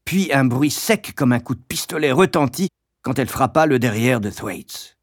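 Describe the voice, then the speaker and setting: A man narrating an audiobook in a measured, grave storytelling manner. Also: medium pitch, animated, no echo, studio quality.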